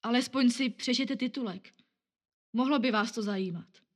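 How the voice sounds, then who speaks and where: A woman's voice: fairly high pitch, level tone, pitched above the performer's own voice, natural voice. A woman voicing a young newspaper-selling girl who pleads insistently with a passer-by. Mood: pleading.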